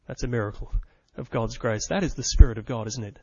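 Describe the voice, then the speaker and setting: A man's voice: medium pitch, fast, slightly rough. A man preaching a sermon with earnest, dramatic storytelling. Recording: muffled sound with long hall reverb.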